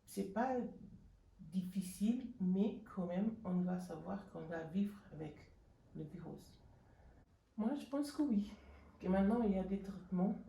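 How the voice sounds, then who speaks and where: A woman giving a hesitant anonymous testimony, her voice pitch-shifted deeper to hide who she is. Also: expressive, gravelly, warm tone, roomy sound, recorded from a distance, rough recording. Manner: halting, hesitant, with many restarts and fillers. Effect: voice pitch-shifted deeper to disguise it. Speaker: anonymous interviewee. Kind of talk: personal testimony.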